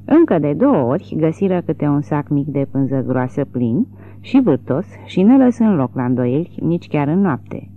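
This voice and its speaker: This audiobook reading of a literary novel is delivered dramatically and with plenty of expression at a medium pitch. It was captured with a thin, tinny sound.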